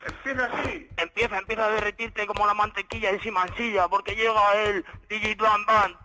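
A man voicing a crude male wannabe rapper DJ who rhymes vulgar boasts and shouts in a radio comedy sketch. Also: very high voice, animated, a little fast, faint music behind, heavily acted. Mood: boastful.

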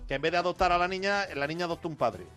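A man on a comedy podcast telling absurd made-up stories in a deadpan way. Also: sits high, very fast. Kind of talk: casual comedic banter. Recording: clear music in background. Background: music.

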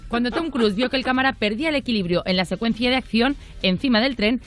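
A woman's voice: a little high, fast. A woman on a morning radio show reading a news item, with a few wry asides.

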